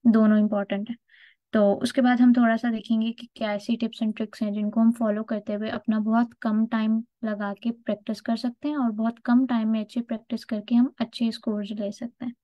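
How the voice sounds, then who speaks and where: A woman speaks briskly in a slightly high voice with little pitch movement while teaching an online test-prep lesson. She walks through it step by step and keeps checking in with her students, on a dull, lo-fi, dry recording with no room sound.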